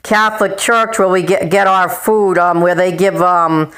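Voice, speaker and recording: A woman's voice: lowish voice, fairly even intonation, unhurried, fairly bright tone. A woman talks casually in a family phone conversation, hesitating and repeating words. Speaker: daughter on a family phone call.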